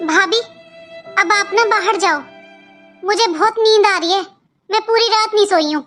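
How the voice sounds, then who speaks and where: A woman's voice: extremely high pitch, normal speed, a bit bright, faint music behind. A woman voicing a sarcastic, spoiled young married daughter who taunts her sister-in-law in a Hindi cartoon. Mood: taunting.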